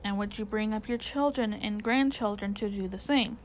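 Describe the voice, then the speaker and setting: A woman's voice: mid-range voice, slight background noise, close to an everyday voice, low-quality recording. Woman reading as Aslan, solemn regal lion. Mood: solemn, grave. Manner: solemn, formal, measured pronouncements. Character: wise regal male lion king-maker, solemn.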